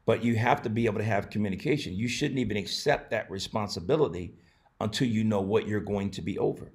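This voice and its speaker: Pastor guy on a live stream, lowish voice, earnest and chatty, lots of ums. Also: quick pace. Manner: earnest, conversational, many fillers and restarts. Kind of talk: live-streamed advice talk. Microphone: camera, not the usual setup.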